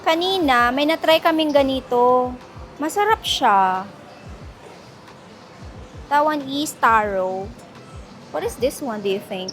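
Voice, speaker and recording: Filipino woman, travel vlogger, high voice, unhurried chatty delivery, handheld camera, loud music underneath. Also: lively intonation. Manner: chatty, mixes Tagalog and English, laughs often. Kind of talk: casual travel vlog. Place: shopping mall. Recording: loud music playing over voice. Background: background music.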